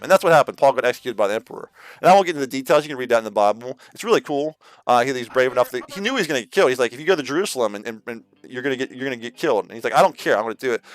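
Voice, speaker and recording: Rambling animated male streamer preaching. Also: mid-range voice. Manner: rambling, full of "like" and repeated restarts; slangy, addresses listeners as "man". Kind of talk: casual off-the-cuff preaching.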